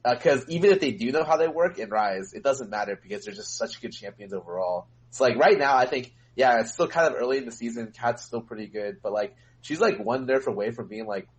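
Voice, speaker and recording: A man's voice: medium pitch, expressive, fairly quick, hardly any pauses, low-quality recording. A man co-hosting a casual gaming podcast, explaining game mechanics at length with many filler words. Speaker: co-host and streamer.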